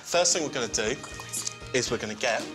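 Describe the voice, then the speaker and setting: A man walks the viewers through a craft project step by step in a clear, practical manner. His voice is of medium pitch for a man, and loud music plays underneath. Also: lively intonation, fairly quick. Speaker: craft expert guest. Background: background music.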